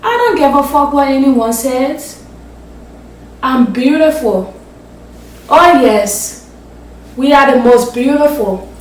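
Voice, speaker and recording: A woman's voice: high-pitched, animated, slow, long pauses, recorded from a distance, a little hiss or hum. A woman vlogger from Africa telling a story-time vlog, speaking passionately and emphatically, sometimes swearing. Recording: roomy echo, voice off the mic.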